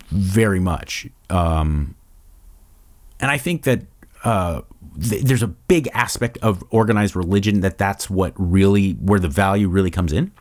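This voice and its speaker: A middle-aged man from Los Angeles, hosting a casual Q&A show, rambling and swearing freely. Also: fairly low pitch. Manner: rambling, profane, lots of restarts. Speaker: podcast host. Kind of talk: casual Q&A monologue.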